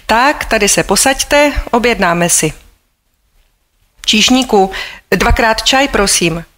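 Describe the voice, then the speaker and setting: A woman's voice: fairly high pitch, animated, fairly bright tone. A woman audiobook reader voicing a poised, unflappable young society detective who talks in a breezy, offhand and kindly way. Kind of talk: audiobook character voice.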